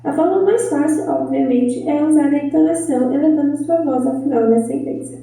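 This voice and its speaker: A woman student reading a lesson text aloud in a careful, measured way. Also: high voice, gravelly, dark tone. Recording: echoey, distant, dull sound.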